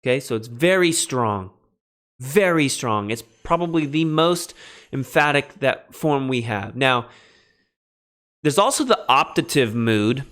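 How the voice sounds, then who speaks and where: A man teaching a lecture on biblical Greek grammar, emphatic and lively, with quick asides to his students. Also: fairly high pitch. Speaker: Greek instructor. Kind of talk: recorded classroom lecture.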